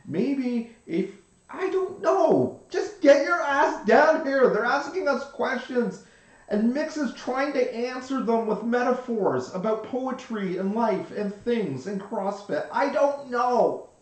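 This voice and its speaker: A game master voicing a brisk, impatient young woman bandmate who rambles while hurrying a friend along. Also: a little high, lively intonation, voice pushed up. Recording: roomy echo.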